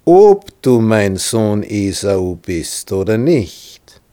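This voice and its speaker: A man voicing Isaak, an old blind father who is suspicious and questions slowly and deliberately. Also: fairly low pitch, very animated, warm tone, exaggerated voice.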